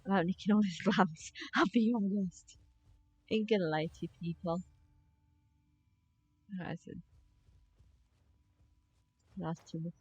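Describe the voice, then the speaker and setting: A woman game streamer gives casual, chatty live commentary on her gameplay, often muttering reactions to herself. Her husky voice sits on the low side, taking it slowly with long pauses, through a slightly dull stream mic.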